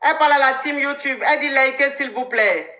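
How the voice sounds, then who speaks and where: A woman runs a live advice stream in an animated, chatty way. Her voice is high and bright, and it sits in a noticeably echoey room. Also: fairly quick. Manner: animated, thanks viewers by name. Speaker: live-stream relationship coach.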